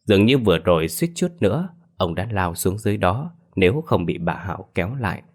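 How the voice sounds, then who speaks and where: A man narrating a ghost story in an expressive scripted storytelling style. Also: sits low, a little fast. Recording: faint background music.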